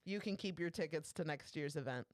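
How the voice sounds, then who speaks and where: A woman's voice: deep voice, brisk, no room sound, studio quality. A young woman co-hosting a podcast, telling a work story in casual chat, laughing often and swearing freely. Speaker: podcast co-host.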